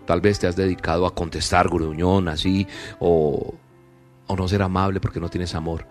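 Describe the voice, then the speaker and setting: Man, low voice, earnest preaching, storytelling, faint music bed. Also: level tone, moderate pace, darkish tone. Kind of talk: sermon with told fable.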